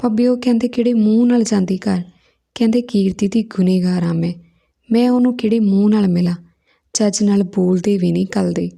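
A woman's voice: medium pitch, steady tone, a little fast, gravelly, mellow. A woman voicing a playful young man who teases his sister-in-law, in a storybook reading. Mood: caring. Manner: teasing, playful.

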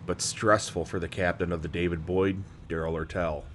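Low-voiced man narrating a documentary. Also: fairly even intonation, moderate pace, a bit bright, a little hiss or hum.

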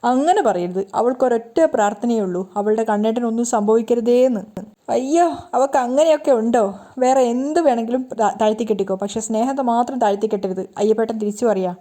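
A woman's voice: fairly high pitch, a little fast, dark tone. A woman retelling a TV serial episode, voicing the characters' quoted lines herself. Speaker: serial recap narrator. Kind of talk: fast storytelling recap of a TV serial.

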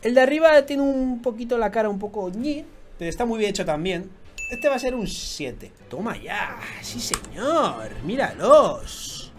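A young man with a Spanish accent from Spain, giving casual, slangy reaction commentary with loud excited outbursts. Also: very high voice, unhurried, soft background music. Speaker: YouTuber reviewing fan tattoos.

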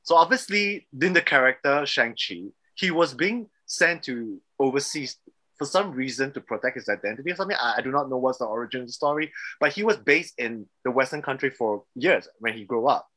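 Lively Singaporean man chatting. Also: mid-range voice, fairly quick. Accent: Singaporean English. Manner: animated, laughs often, does mock accents. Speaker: panel co-host. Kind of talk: casual chat.

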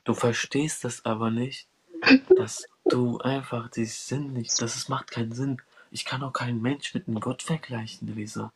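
A man's voice: medium pitch, steady tone, normal speed, creaky. A man arguing religion in an online voice chat, repetitive and pleading, calling the others brother. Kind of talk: heated religious debate.

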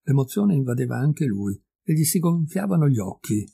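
A man reading a classic short story aloud, measured and expressive. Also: mid-range voice, gravelly, breathy edge. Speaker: audiobook reader. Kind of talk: literary reading.

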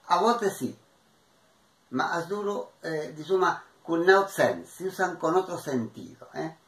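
A man from Argentina teaches a language class at an unhurried, deliberate pace, repeating each example phrase. His voice sounds distant from the microphone and rings in an echoey room. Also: a little high, expressive, fairly bright tone.

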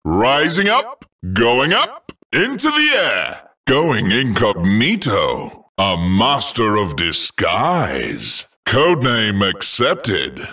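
A man voicing a small, plucky, self-assured robotic secret agent in a video game, raspy, speaking in short clipped catchphrases. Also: mid-range voice, huge pitch swings, slow pace, pushed and bright, distant mic, exaggerated voice. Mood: confident, upbeat. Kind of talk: video game character barks.

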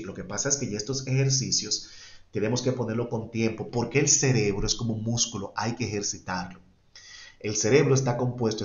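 Emphatic male teacher in an echoey room. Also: on the low side. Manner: repetitive and emphatic, switching between two languages. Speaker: English teacher. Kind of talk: online class explanation. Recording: echoey, dull-sounding room.

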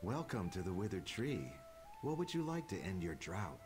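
A man's voice: sits low, big pitch swings, moderate pace. A man voicing a weary innkeeper in a video game, delivering a required greeting with dry self-mockery. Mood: wry. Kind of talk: video game character dialogue. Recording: game audio with music.

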